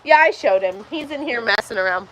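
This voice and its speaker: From a milking stall on a Texas farm, a woman hosts a laid-back livestream, fielding viewers' questions and chatting while she coaxes the cows. She speaks fairly quickly, on the high side, with lively intonation, and there's noise in the background.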